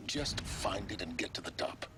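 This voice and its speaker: A man's voice: lowish voice, animated, normal speed, natural voice. A man playing a brusque, commanding guide in a video game, issuing clipped, dry and impatient orders. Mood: stern, impatient. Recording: game audio under loud background noise.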